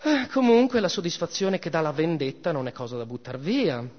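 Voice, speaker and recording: A man's voice: fairly high pitch, animated, brisk, voice pushed up. Venus, a scornful jealous goddess, as a man reads her. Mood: brooding vengeful. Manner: scolding, scornful, theatrical. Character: haughty vengeful goddess, a jealous mother. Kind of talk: dramatic reading of a myth. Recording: dull recording with long reverb.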